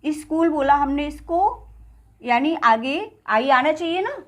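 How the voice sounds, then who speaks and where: A woman teaching spoken English with an Indian accent, repeating each word slowly and checking in with her students. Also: high-pitched, expressive.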